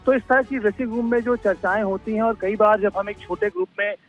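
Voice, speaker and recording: A man speaking as a news correspondent in a live analysis, pausing often with drawn-out fillers. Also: high-pitched, fairly even intonation, highs cut off, soft background music. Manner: hesitant, many drawn-out fillers.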